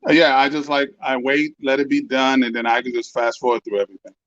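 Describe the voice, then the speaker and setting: A man's voice: mid-range voice, flat delivery, fast, fairly bright tone, no room sound. Man coming through a video call. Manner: easygoing, rambling storyteller. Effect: heard over a video call with a spotty connection. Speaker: former pro basketball player turned coach, guest. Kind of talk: casual interview chat. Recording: dull lo-fi video call audio, dry.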